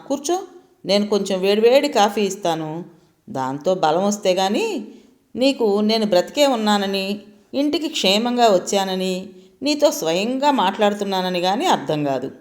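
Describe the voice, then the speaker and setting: A woman reading aloud, voicing a young woman who gently soothes her frightened mother in a storybook tale. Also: medium pitch, very animated, moderate pace, long pauses, lightly acted. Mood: soothing.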